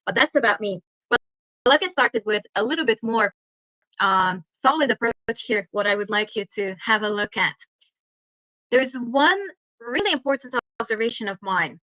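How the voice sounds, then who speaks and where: A woman speaks on a video call, her voice bright and a touch higher than most. She talks earnestly, with frequent small hesitations. The sound is dry and close, with no room echo. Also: lively intonation, normal speed. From Hungary. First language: Hungarian. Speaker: guest speaker, startup mentor. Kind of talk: online talk presentation.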